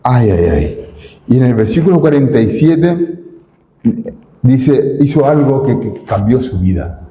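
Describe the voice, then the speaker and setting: Emphatic preacher in an echoey church. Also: male voice, medium pitch, sing-song, unhurried, mellow. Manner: emphatic, asks the congregation rhetorical questions. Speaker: pastor. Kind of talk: sermon.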